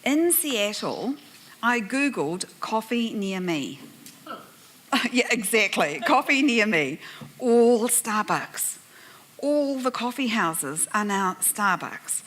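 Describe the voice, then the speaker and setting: In a conference plenary room, a panel moderator with a New Zealand accent shares a humorous, self-deprecating story with the audience and laughs frequently. She speaks slowly in a slightly high, fairly bright voice with lively intonation.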